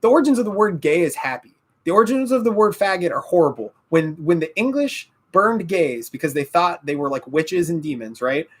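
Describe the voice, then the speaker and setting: Dude on a podcast, cusses a lot, gets worked up, laughs a bunch. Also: male voice, on the high side, fairly quick, few pauses. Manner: animated, profane, laughs often. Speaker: podcast co-host. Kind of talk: casual chat.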